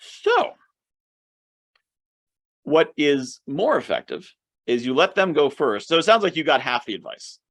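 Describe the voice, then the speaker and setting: A man's voice: on the high side, sing-song, measured pace, pauses often, fairly bright tone. A man giving an online summit presentation on networking, talking casually and acting out quoted conversations. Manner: conversational, acts out quoted dialogue. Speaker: speaker on networking.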